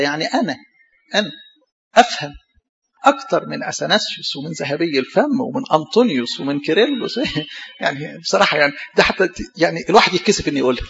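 A man with an Egyptian accent, a priest giving a sermon, animated, with mocking asides to the congregation. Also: a little high, creaky, dull audio. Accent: Egyptian Arabic.

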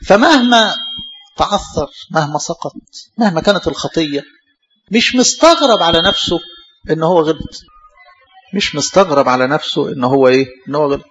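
A man with an Egyptian accent, a priest giving a sermon, animated, with mocking asides to the congregation. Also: on the high side, fairly quick, muffled recording, noisy background. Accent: Egyptian Arabic.

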